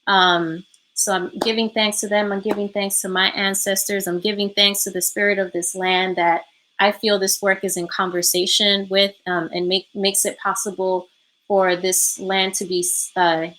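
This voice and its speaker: A woman's voice: mid-range voice, level tone, normal speed, a bit bright, slight background noise, rough recording. A woman facilitating a healing workshop over a remote call, speaking reflectively with many ums and a habit of ending points with "right?". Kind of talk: reflective online workshop talk. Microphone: remote call from home.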